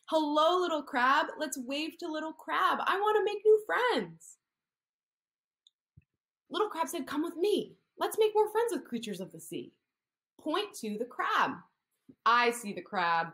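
Using a very lively, sing-song, fairly high voice, a thirty-something occupational therapist reads a picture story to small children and coaxes them into copying her hand gestures. The recording comes from a laptop webcam in an indoor room.

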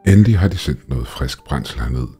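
A man voicing a sinister old man who tends a boiler, with a hoarse voice and a coaxing, pushy way of talking. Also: extremely low pitch, animated, faint music behind, full character voice. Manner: coaxing, then impatient and shouting.

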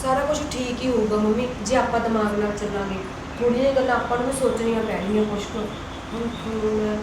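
A high-pitched young wife, played by a woman, who argues with her household and plots aloud to herself in a family drama. The recording carries faint background ambience. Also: fairly even intonation, fast talker, background noise, lightly acted. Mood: arguing. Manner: argumentative, self-talk plotting. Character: scheming young wife guarding her son's land. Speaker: daughter-in-law. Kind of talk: Punjabi web-series acting.

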